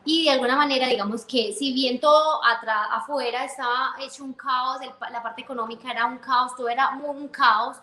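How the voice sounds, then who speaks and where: A woman telling her faith testimony in a warm, conversational way. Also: high-pitched, fairly even intonation, a little fast, hardly any pauses. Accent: Colombian Spanish. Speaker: guest sharing faith testimony. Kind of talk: personal testimony storytelling. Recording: roomy echo.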